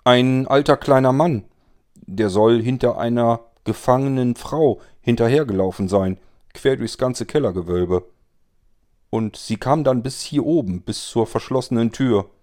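A man voicing a skeptical middle-aged caretaker in a read-aloud story, measured and slightly irritated. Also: mid-range voice, a little mellow, natural voice.

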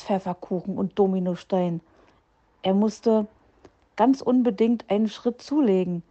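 A woman reading a children's story aloud in a lively, expressive way. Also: medium pitch, muffled recording.

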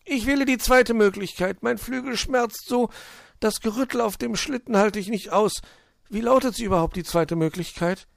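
A man voicing a small, cheeky male bird who chirps, pleads and whines in a high voice. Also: normal speed, gravelly, no echo, studio quality. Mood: whiny.

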